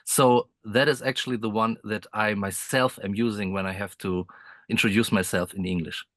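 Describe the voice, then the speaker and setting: A man's voice: fairly low pitch, steady tone, normal speed, fairly bright tone, no room sound. A man from Croatia, talking as the guest composer on a video call from inside his motorhome, friendly, with frequent laughs and restarts. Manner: friendly, laughs often, many restarts and fillers. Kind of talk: casual interview chat.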